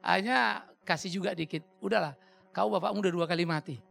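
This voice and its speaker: Animated, fast-talking high-voiced pastor man. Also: vocal fry. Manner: blunt, animated storytelling with mimicked dialogue. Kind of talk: sermon Q&A, anecdotal. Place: church hall.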